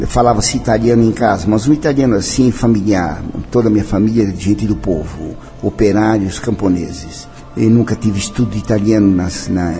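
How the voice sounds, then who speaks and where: An older Brazilian man with a mellow, low-pitched voice reminisces about his life in an interview. His manner is solemn and declamatory, and he sometimes slips into French and Italian phrases. Faint music can be heard behind him.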